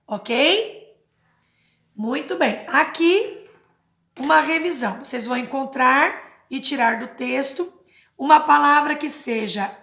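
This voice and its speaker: A woman teacher giving a slow, patient grammar lesson to children, sounding out words syllable by syllable and checking in with short questions. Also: high voice, gravelly, fairly bright tone, roomy sound. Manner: checks understanding with tag questions.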